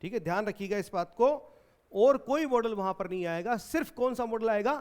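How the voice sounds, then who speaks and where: Man from India, grammar teacher, high-pitched voice, asks and answers his own questions. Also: a little fast. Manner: explains in Hindi, repeats questions to students. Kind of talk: exam-prep grammar lesson.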